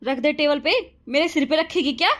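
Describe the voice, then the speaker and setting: A woman's voice: sits high, a little fast, fairly bright tone. A woman voicing a harsh older mother-in-law in a cartoon story, scolding and taunting. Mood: scornful.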